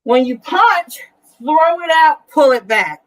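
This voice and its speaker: A woman's voice: sits high, lively intonation, slow pace, low-quality recording. A woman leading a workout as an aerobics instructor, calling out counts and cues in a directive, encouraging way. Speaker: fitness instructor.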